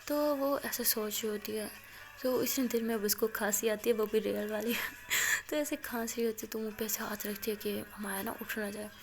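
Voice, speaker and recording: A woman narrating a love story in a relaxed, conversational way, with a slightly high voice. Her delivery is chatty and informal, and it sometimes sinks to a soft near-whisper. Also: normal speed, soft background music. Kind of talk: casual spoken storytelling.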